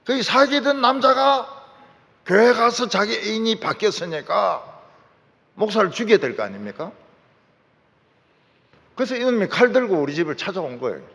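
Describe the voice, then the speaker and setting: A man preaching a sermon as pastor, fervent and at times shouting out his lines. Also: sits high, big pitch swings, normal speed, creaky, long pauses. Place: large church sanctuary. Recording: church hall with long reverb.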